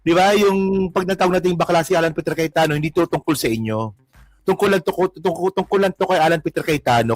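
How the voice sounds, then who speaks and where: A man's voice: high-pitched, no echo. A man with a Filipino accent giving casual political commentary, mocking and rambling as he reacts to clips. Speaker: commentary vlogger.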